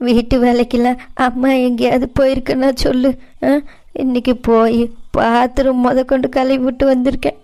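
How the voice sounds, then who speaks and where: A woman's voice: sits high, level tone, normal speed, dark tone. A woman voicing a hardworking middle-aged mother in a cartoon, tired and resigned but tender toward her daughter. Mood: weary. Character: weary hardworking mother, a housemaid. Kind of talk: cartoon voice acting.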